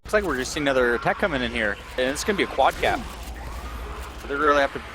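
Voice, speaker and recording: A man's voice: medium pitch, expressive, rapid-fire, noisy background. Man with a robotic, metallic lagging mic. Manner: casual, analytical play-by-play. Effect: robotic, metallic lagging voice chat. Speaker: esports co-commentator. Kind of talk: live game commentary. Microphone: online voice chat mic.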